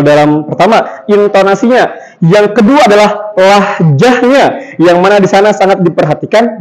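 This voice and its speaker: High-voiced young man teaching a class. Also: low-quality recording. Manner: lively, quizzes the class, demonstrates flat recitation. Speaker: Arabic public speaking teacher. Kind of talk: classroom lesson.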